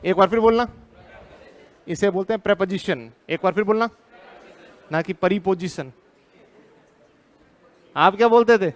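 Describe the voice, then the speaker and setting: High-voiced Indian man teaching a class. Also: moderate pace, long pauses. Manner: drills the class with repeated questions; firm, teasing teacher. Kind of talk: live class lecture.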